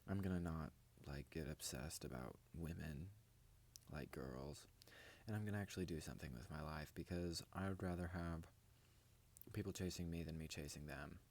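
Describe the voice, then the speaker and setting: A man with a very low, husky voice talks straight to his viewers in a casual vlog. He rambles from one idea to the next with grandiose confidence. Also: normal speed, darkish tone. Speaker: vlogger.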